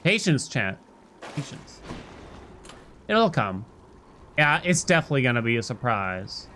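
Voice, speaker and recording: Over loud video game music and a little hiss or hum, a man livestreaming a game talks in a medium-pitched, sing-song voice, a little slow. He chats casually with viewers, rambling playfully and slipping into nonsense sounds.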